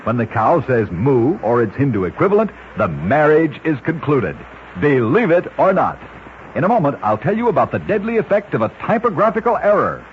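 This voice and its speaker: This man delivers odd facts like a brisk vintage radio announcer, very animated, his somewhat high pitch rising and falling widely. A faint hiss runs under the muffled, lo-fi recording.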